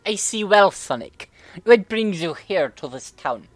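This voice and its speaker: A woman's voice: mid-range voice, animated, unhurried, slight background noise, pitched above the performer's own voice, close to an everyday voice. A woman reading a courteous British young lady. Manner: formal, courteous phrasing read aloud from a script. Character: polite young British woman meeting a stranger.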